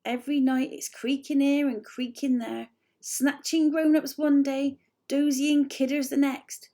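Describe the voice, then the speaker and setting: A woman's voice: high-pitched, level tone, measured pace, creaky, warm tone, slightly rough, exaggerated voice. A woman voicing a scruffy male creature who talks in odd broken grammar. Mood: glum.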